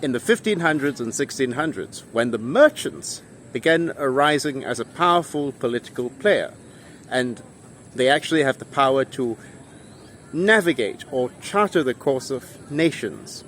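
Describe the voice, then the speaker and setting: The history vlogger, a young man, talks with an animated, fairly bright mid-range voice at a moderate pace, earnestly lecturing and emphasizing key words. He records himself on a phone at arm's length among old buildings in a town square. Passing vehicles and faint street noise can be heard.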